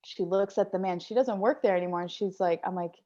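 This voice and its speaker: A woman guest on a podcast, telling a personal story in a lively, casual way with lots of fillers. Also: medium pitch. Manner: animated, fast storyteller with many "like" fillers. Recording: dull lo-fi podcast audio.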